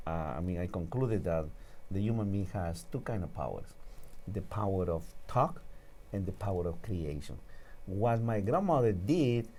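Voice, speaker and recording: A man's voice: lowish voice, warm tone, a little hiss or hum. A man from Peru with a Peruvian Spanish accent, telling a personal story earnestly as a talk show guest.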